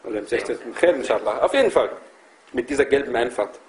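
A man's voice: medium pitch, lively intonation, fast talker, poor audio. A man preaching passionately to a group of brothers, emphatic and full of rhetorical questions. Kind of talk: impassioned religious talk.

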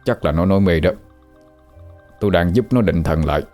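A man voicing a stern old male exorcist master, giving slow, solemn warnings. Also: low-pitched, darkish tone, faint music behind, lightly acted. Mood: grave.

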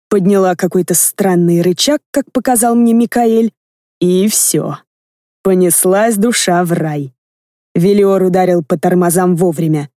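Woman with a low, mellow reading voice. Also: no room sound, studio quality. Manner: lively, expressive, first-person. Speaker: audiobook reader. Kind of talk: first-person audiobook narration.

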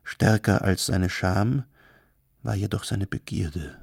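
A man reading a novel aloud as narrator, in measured storytelling. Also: low voice, gravelly, breathy edge, dry recording, studio quality. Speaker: audiobook reader. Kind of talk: scripted narration.

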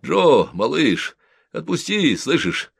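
Kindly sergeant, flustered and coaxing, slow and soft-spoken, read by a male narrator. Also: on the high side, very animated, gravelly, slightly rough, no echo, studio quality, pitched above the performer's own voice, full character voice. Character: gentle, flustered army sergeant, adult man.

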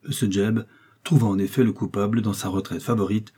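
A man narrates a classic novel as an audiobook in a low, husky voice. His delivery is measured and even. The tone is dark and mellow. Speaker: audiobook reader.

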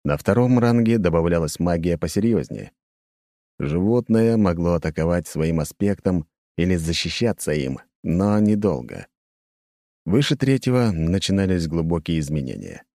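A man narrating an audiobook in an even, measured way. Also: low-pitched, no room sound, studio quality.

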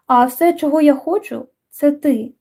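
A brooding teenage boy speaks in a quiet, dry and tender way, as a woman reads him in an audiobook. Her voice stays high and mellow. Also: unhurried, creaky. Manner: soft-spoken, dry. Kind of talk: audiobook dialogue reading.

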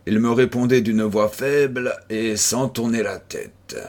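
Slow, husky male audiobook narrator. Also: mid-range voice, darkish tone. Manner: measured, storytelling. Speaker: audiobook reader.

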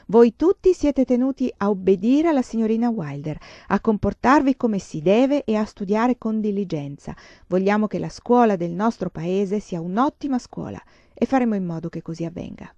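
A woman voicing a calm, serious father on a school board, speaking slowly and weighing each word. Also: mid-range voice, no room sound, close to an everyday voice. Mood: grave. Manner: slow, measured and serious. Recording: dull, dry lo-fi audiobook recording.

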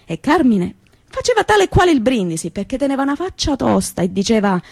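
A young Calabrian woman recounts her past in a vivid, colloquial, repetitive stage monologue. Her voice sits somewhat high. The recording is close and dry. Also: quick pace, creaky, husky, no room sound, full character voice. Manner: lively storytelling, repetitive and colloquial. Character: young woman from Reggio recalling her youth. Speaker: actress. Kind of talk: theatrical monologue for radio.

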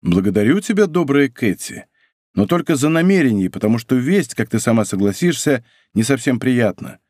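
A man's voice: medium pitch, sing-song, a little mellow, no echo, studio quality. A man reading an audiobook voices a proud, hot-tempered young male nobleman. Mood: proud, wry. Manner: proud, quick to flare up.

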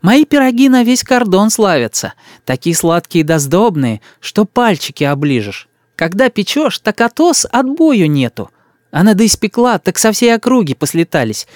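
A man's voice: sits high, big pitch swings, moderate pace, no echo, studio quality, pitched above the performer's own voice. A man voicing a kind old village woman who fusses in sing-song folksy speech. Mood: homely.

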